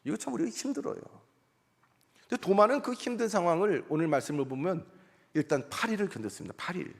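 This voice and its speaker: A man's voice: sits high, lively intonation, fast talker, vocal fry. A male pastor preaching a sermon in an earnest, conversational way, voicing people's inner thoughts as he goes. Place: church sanctuary. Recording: long church hall reverb.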